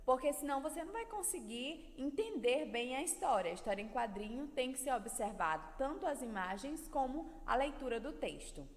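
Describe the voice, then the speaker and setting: A woman's voice: sits high, animated, brisk, hardly any pauses, in a large hall. A woman teaching young children in Brazilian Portuguese, drawing out syllables and stressing words in a sing-song way. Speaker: primary school teacher. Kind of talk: recorded video lesson for children.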